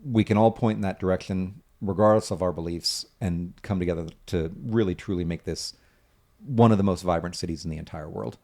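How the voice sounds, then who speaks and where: Earnest rambling man, lowish voice. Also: a little fast, warm tone. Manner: earnest, rambling with many fillers. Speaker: guest, nonprofit founder. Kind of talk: casual conversation.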